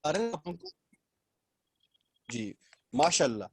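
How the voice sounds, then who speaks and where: A man teaching a language class over a video call, explaining slowly, repeating words and quizzing his students. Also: a little high, very animated, gravelly, no room sound, clean studio sound. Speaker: Arabic teacher. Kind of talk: online class lecture.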